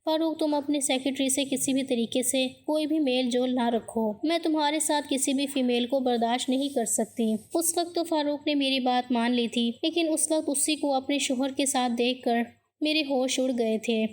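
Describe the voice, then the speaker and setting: A woman narrating a dramatic first-person story in an emotional, expressive way. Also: high voice.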